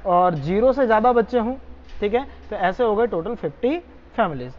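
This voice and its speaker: A woman's voice: mid-range voice, animated, normal speed. A woman tutor works through an exam solution step by step and keeps checking that students follow. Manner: explains step by step, checks understanding with "is that clear". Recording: muffled lo-fi recording.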